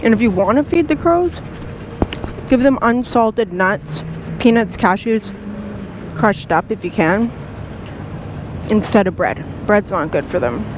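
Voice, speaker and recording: A woman's voice: mid-range voice, lively intonation, unhurried, pauses often. A woman chatting casually on camera outdoors, talking playfully to a crow. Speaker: vlogger. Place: outdoors by a highway. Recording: outdoor noise, traffic nearby.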